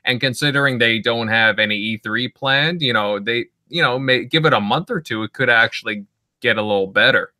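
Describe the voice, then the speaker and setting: A man with a bright, mid-range voice hosts a podcast in a relaxed, conversational way. He leads the talk and keeps it moving. The sound is dry. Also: mid-range voice, fairly quick, dry recording. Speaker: podcast host. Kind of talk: casual podcast chat.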